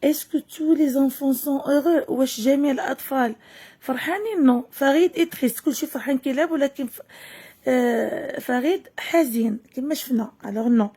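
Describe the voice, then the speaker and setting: A Moroccan woman teacher reads a French lesson text slowly and clearly, then explains it quickly in Moroccan Arabic. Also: high-pitched, dark tone. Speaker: primary school French teacher. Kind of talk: reading lesson, slow read-aloud with explanations.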